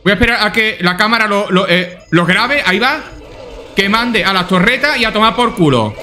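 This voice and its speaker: A man's voice: sits high, animated, normal speed, sharp tone. A man doing casual let's-play commentary, swearing often and thinking aloud to himself. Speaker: gaming YouTuber.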